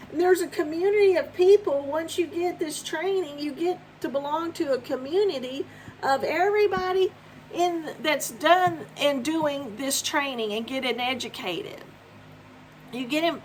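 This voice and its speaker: A woman's voice: high voice, a bit bright, slight background noise. A woman, talking casually and encouragingly to camera in a home video. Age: 50s. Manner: upbeat, encouraging, repetitive. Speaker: vlogger. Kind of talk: casual promotional talk to camera.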